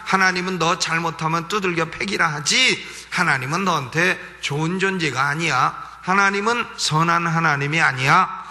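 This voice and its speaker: A man's voice: high voice, sharp tone. A man playing a sneering, mocking devil. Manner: sneering rhetorical taunts. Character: taunting devil, male, mocking and scornful. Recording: long church reverb.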